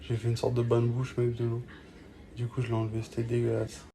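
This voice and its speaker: Jeune Français au parler cru, son bruité. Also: male voice, mid-range voice, completely flat delivery, quick pace, mellow, a little hiss or hum. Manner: offhand, blunt, swearing. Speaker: vlogger filming stories for followers. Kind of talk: casual chat to camera, slangy.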